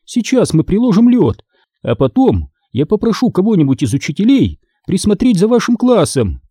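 Brief: male reader as reassuring school nurse, woman, raised pitch, gentle. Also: wildly swooping pitch, moderate pace, husky, no room sound, clean studio sound, exaggerated voice. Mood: soothing. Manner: soothing.

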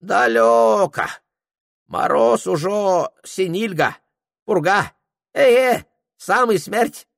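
A high, clipped old hunter. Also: male voice, expressive, drawn-out words, creaky, no echo, clean studio sound, heavily acted. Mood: stubborn, warning. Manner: broken grammar, clipped exclamations. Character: elderly Tungus hunter man, stubborn, fearful.

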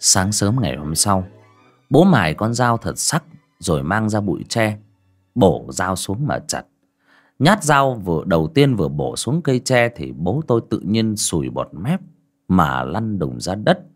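Male horror audiobook narrator, low voice with a lively, rising-and-falling delivery, measured and dramatic. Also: faint music behind.

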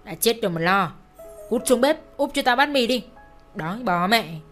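A woman voicing a cruel, shrill middle-aged mother who screams insults in a storybook reading. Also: animated, quick pace, faint music behind, close to an everyday voice. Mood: screaming. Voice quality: shrill, sharp-tongued.

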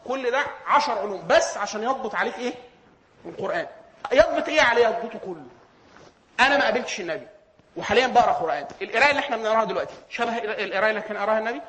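A man with an Egyptian accent giving a lecture, asking himself questions and answering them. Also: high-pitched. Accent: Egyptian Arabic. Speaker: teacher of Islamic sciences.

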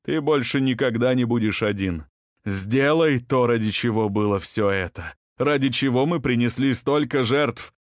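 A man's voice: mid-range voice, normal speed, dry recording, clean studio sound, close to an everyday voice. A man reading an audiobook, voicing a fervent, zealous man urging someone on with intensity.

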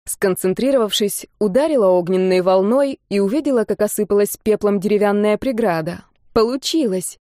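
A woman narrating a first-person fantasy audiobook in a steady, expressive reading. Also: mid-range voice, no echo, studio quality.

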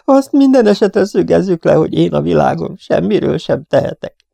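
A man voicing a whiny, tearful male gangster in a storybook reading, with a high, whimpering voice. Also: big pitch swings, creaky, mellow, no echo, full character voice. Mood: whining, indignant.

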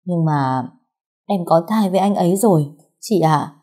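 A woman's voice: on the low side, animated, unhurried, warm tone. A woman voicing a tearful, pregnant young woman who pleads with her older sister. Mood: tearful pleading. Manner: sobbing, pleading.

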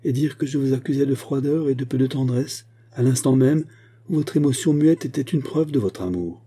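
A man's voice: medium pitch, normal speed, dark tone, breathy edge, pitched above the performer's own voice, natural voice. A man reading aloud and voicing a spoiled, adoring young daughter who pleads tenderly. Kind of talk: audiobook character voice.

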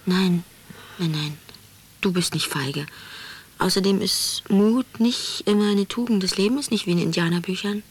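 An actress playing an anxious, pleading, embittered mother in a radio drama, speaking intimately and often hushed. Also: mid-range voice, moderate pace, a little hiss or hum, close to an everyday voice. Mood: soothing. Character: anxious, pleading, bitter mother of a withdrawn son. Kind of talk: naturalistic German radio drama.

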